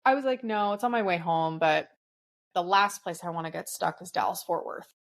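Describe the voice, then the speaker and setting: A woman's voice: fairly low pitch, normal speed. Podcast co-host, middle-aged woman, casual storyteller who curses and acts out quotes. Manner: animated, swears freely, acts out quotes.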